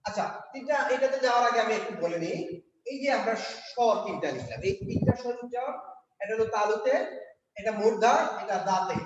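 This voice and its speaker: A man's voice: sits high, animated, brisk, a little hiss or hum. A man teaching an exam revision lecture, explaining step by step and spelling out letters one by one. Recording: echoey hall, dull lo-fi sound.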